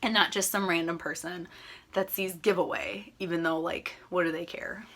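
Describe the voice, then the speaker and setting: Bright-voiced chatty young woman. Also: on the low side, steady tone, normal speed. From Minnesota, USA. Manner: rambling, chatty, self-correcting; upbeat and gushing. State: slightly losing her voice. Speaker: cross-stitch channel host. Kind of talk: casual chat to viewers.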